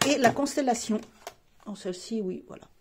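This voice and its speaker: A woman's voice: a little high, moderate pace, background noise. A woman beauty vlogger chatting casually while showing her makeup, rambling with frequent restarts and fillers.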